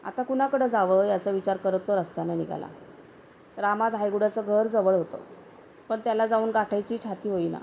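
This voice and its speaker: A woman storyteller reading a short story in a steady, even manner. Her voice sits at a middle pitch. A faint hiss of noise runs underneath. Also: brisk, vocal fry. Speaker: story narrator.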